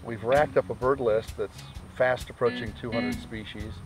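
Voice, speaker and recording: A man's voice: mid-range voice, fairly even intonation, moderate pace, faint music behind. A man, a birdwatching journalist, giving chatty, upbeat interview answers outdoors on a lakeside lawn.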